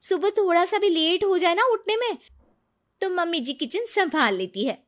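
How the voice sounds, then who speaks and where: A woman's voice: extremely high pitch, normal speed, pitched above the performer's own voice. A woman voicing a cheerful young wife who teases and advises her friend in a cartoon story. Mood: teasing. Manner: teasing, lively. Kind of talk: cartoon voice acting.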